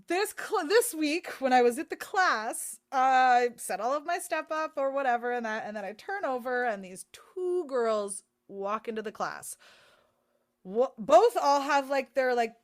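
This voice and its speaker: A woman in her thirties co-hosting a podcast, telling stories in a casual, animated way and swearing freely. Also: high voice, unhurried. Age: 30s. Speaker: podcast co-host. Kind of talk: casual chat.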